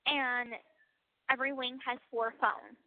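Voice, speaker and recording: A woman's voice: high-pitched, little pitch movement, a little slow. A woman speaking over a wall-mounted payphone line, hesitant and talking casually in an interview. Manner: hesitant, many fillers and restarts. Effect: calling over a wall-mounted payphone. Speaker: interviewee calling from prison. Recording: tinny phone-line sound.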